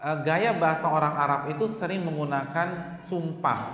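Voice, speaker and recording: Animated male preacher in an echoey hall. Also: a little high, normal speed. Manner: animated, mimics voices, questions the audience. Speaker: Islamic preacher. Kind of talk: lively sermon to women.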